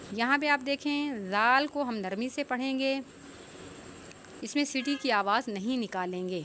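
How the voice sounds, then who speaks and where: High-voiced woman teaching slow recitation. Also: fairly bright tone, a little hiss or hum. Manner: explains rules plainly, then recites words very slowly and stretched. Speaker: Quran tajweed teacher. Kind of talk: online tajweed lesson with slow drawn-out recitation.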